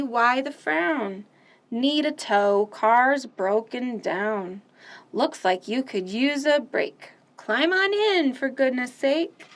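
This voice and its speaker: A woman runs storytime for children, reading picture books and singing nursery rhymes with a bouncy, sing-song energy and noisy, fun sound effects. Her pitch sits slightly high.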